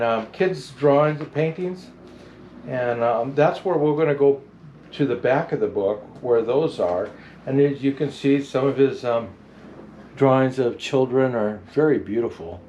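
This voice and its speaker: Guy doing jolly old santa reading picture books, gentle and kinda halting, medium pitched voice. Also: muffled recording, a little hiss or hum, natural voice. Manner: halting, unhurried, gentle, many hesitations. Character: jolly old Santa Claus, kindly storybook host. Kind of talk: picture book reading with rambling chat.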